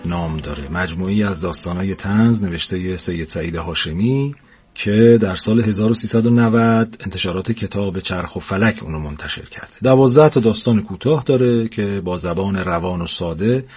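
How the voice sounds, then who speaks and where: Husky-voiced man reading a story. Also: low-pitched, a little mellow. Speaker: narrator.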